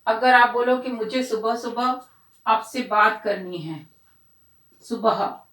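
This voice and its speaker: A woman teaching a primary school lesson, explaining slowly and repeating words so children hear the pronunciation. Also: a little high, a bit bright. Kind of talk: classroom lesson. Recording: echoey room, voice from a distance.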